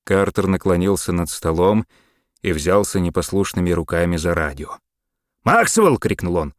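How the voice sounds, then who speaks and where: A man narrating an audiobook in a steady, expressive storytelling manner. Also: deep voice, normal speed, no room sound, studio quality. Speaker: audiobook reader.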